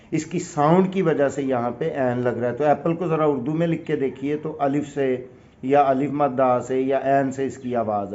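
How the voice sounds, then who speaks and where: A man's voice: medium pitch, darkish tone. A man from Pakistan with a Pakistani accent, teaching an English grammar lesson with patient, step-by-step explanations and examples. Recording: dull lo-fi recording.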